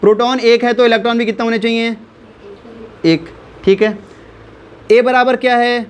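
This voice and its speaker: A man with a high-pitched voice teaches a chemistry lesson. He slows down to spell out each value step by step. He keeps asking his listeners questions and repeating the key terms back to them. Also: fairly even intonation. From India.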